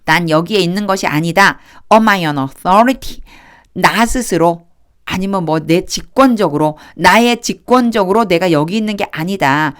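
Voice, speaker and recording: A woman giving an English Bible reading lesson, reading English phrases slowly and then explaining them step by step. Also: medium pitch, clean tone.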